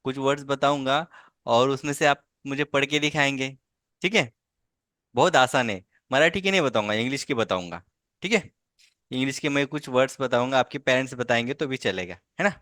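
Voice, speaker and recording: A man gives an online lesson to a child in a patient, coaxing way. He keeps asking short checking questions to bring the pupil along. His mid-pitched voice comes through a dry video-call sound with no room echo. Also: a little fast, a bit bright. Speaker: language teacher.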